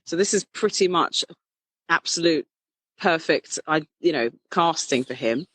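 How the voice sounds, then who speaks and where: A woman talking animatedly as an interview guest, quick to laugh and often restarting her sentences. Her voice is bright and forward, recorded dry and close. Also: low-pitched, animated, husky, no room sound, low-quality recording. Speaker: drag king performer, guest. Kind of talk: casual interview chat.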